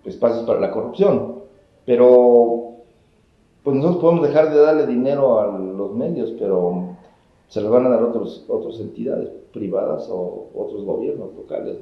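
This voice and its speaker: Middle-aged man explaining in an echoey office. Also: medium pitch. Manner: steady, explanatory, builds points in lists. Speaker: government communications official, guest. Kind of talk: measured political interview answers. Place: indoor office with wooden cabinets. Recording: roomy, slightly dull office sound.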